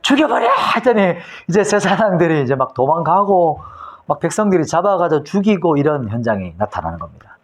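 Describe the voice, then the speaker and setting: A pastor from Korea teaches the Bible in an animated way, acting out the scenes as he tells them. His voice sits a little high for a man and swings widely in pitch. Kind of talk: Bible lecture.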